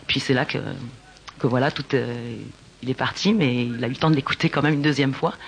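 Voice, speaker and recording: A woman singer-songwriter telling stories in a casual radio interview, talking in an animated, halting way with many restarts. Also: very deep voice, a little hiss or hum.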